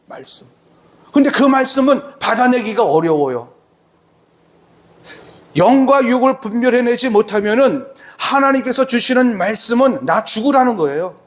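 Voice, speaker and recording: Male pastor with a high voice, preaching emphatically and repeating key lines. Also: animated, normal speed. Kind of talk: sermon.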